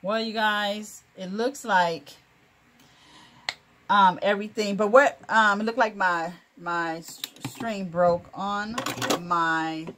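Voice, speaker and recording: A woman hosting a casual sewing tutorial, chatty and encouraging, laughing often and filling pauses with "um" and "you know". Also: medium pitch, fairly even intonation, a bit bright, a little hiss or hum. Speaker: crafting video host.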